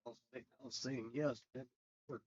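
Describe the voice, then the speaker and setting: A man's voice: medium pitch, steady tone, normal speed, slightly rough, highs cut off. A man chatting casually as a friend on a gaming stream, mostly giving short, laid-back reactions. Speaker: co-host friend.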